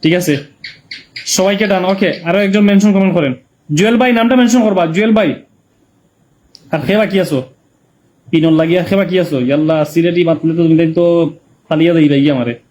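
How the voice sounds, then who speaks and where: A man's voice: fairly high pitch, fairly quick, long pauses, darkish tone. A man with a Sylheti Bengali accent chatting casually on a live stream, reading viewers' comments and greeting them by name.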